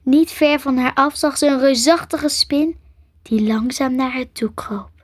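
A woman narrating a children's storybook in a soft, half-whispered voice. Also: sits high, measured pace, no room sound, clean studio sound. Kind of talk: storybook reading.

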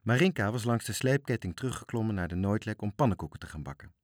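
A man narrating a children's storybook, reading in a measured, expressive way. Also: on the low side, no echo, clean studio sound.

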